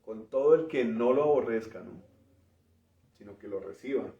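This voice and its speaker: A man preaching a teaching sermon, explaining word meanings in a measured way and often ending phrases with a questioning tag. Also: mid-range voice. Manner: pauses and restarts while working through word meanings. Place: church. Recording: roomy, distant, dull church recording.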